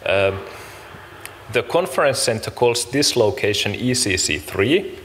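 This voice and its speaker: A man's voice: mid-range voice, lively intonation, measured pace, a bit bright. A man opening a conference as its organiser, giving informal practical announcements in a casual, apologetic, somewhat hesitant way. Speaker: event organiser and host opening a summit. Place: large conference room, speaking to an audience. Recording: echoey hall with clear background noise.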